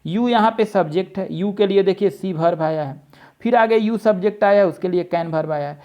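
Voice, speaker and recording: A man's voice: sits high, brisk, darkish tone. A man teaching English grammar for competitive exams, explaining step by step, spelling words out letter by letter and checking that students follow. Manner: checks in with students, asks if it is clear. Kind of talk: exam-prep grammar lesson.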